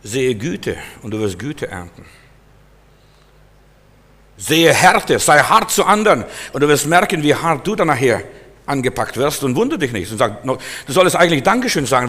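Emphatic preacher man in an echoing hall. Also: mid-range voice. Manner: emphatic and repetitive, with sudden loud-soft swings. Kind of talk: sermon. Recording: long hall reverb.

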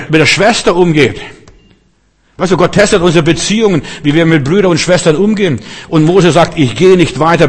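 A man's voice: on the high side, big-room sound. A man preaching a sermon to his congregation, emphatic and fond of rhetorical questions, acting out quoted voices.

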